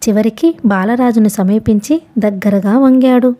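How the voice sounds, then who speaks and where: Woman storyteller, higher voice, mellow, measured and expressive storybook reading. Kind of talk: scripted story narration.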